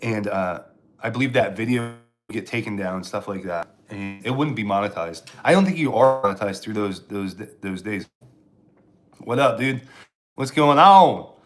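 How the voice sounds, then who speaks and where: A man's voice: on the low side, lively intonation, moderate pace. Rambling sarcastic man streaming live. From Pennsylvania, US. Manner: rambling, sarcastic, answering chat with restarts. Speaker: live streamer and stand-up comedian. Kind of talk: casual live-stream chat.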